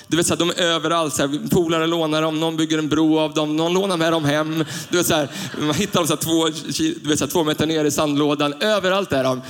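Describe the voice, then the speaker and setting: A man in his thirties gives a sermon. He tells homely anecdotes in an easy, conversational tone, then lifts his somewhat high voice into forceful, repeated declarations. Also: fairly even intonation, few pauses. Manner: conversational storytelling, swelling to emphatic preaching. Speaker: pastor.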